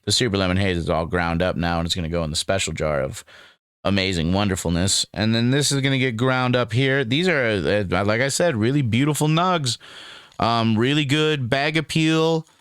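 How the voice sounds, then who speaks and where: A man's voice: on the low side, moderate pace, a bit bright, smooth, no room sound, clean studio sound. A laid-back young man giving a rambling, casual review to camera, calling the viewer dude and man. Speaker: cannabis strain reviewer.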